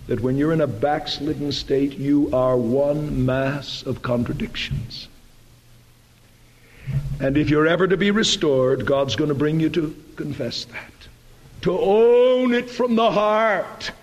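Slow, earnest male preacher in a reverberant church. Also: fairly high pitch, steady tone. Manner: earnest, emphatic preaching that swells into loud appeals. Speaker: pastor. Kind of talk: sermon. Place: church sanctuary during a Sunday service. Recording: long church-hall reverb.

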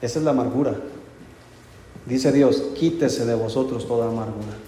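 A male pastor delivers a sermon in a relaxed, conversational way, slipping in humorous anecdotes. His voice sits at an ordinary pitch for a man. The sound carries a roomy, long church-hall reverb with faint background noise. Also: moderate pace.

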